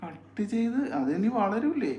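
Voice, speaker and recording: A father talking softly with his young child at home, coaxing and soothing with repeated gentle questions. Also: high-pitched, big pitch swings, measured pace, slight background noise. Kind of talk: casual home video chat with his child. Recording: roomy echo.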